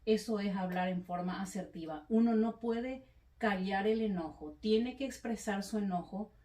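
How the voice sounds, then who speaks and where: Measured woman teaching, mellow and distant. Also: medium pitch. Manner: measured, explanatory, with frequent affirming interjections. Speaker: evangelist and speaker. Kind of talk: calm teaching in a faith conversation. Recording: echoey room, voice from a distance.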